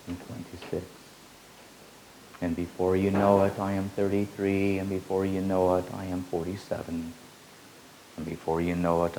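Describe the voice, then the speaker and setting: This slow, meditative spiritual teaching comes from a man whose voice is very low and darkish, his repeated phrases sounding like an incantation. The pitch stays nearly still, and a rough recording leaves a faint hiss from old tape under his words.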